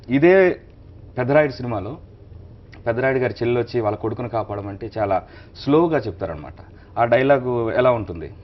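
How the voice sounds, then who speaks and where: A man's voice: medium pitch, dull audio. A man, a mimicry artist, answering politely as a studio interview guest. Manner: polite, deferential replies.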